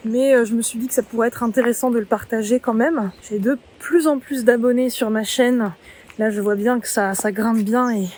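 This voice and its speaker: A woman's voice: on the high side, steady tone, moderate pace, a little mellow. Chatty woman vlogging on a forest hike. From Yvelines, France. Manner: chatty, thinks aloud with many fillers. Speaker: travel vlogger. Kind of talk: casual vlog chat while hiking. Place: forest trail outdoors.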